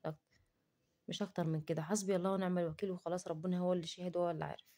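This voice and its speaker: A woman with an Egyptian Arabic accent speaks straight to camera in a casual cooking vlog, defending herself in an indignant rant. Her voice is lowish and mellow, her tone level, and she talks in rapid-fire bursts.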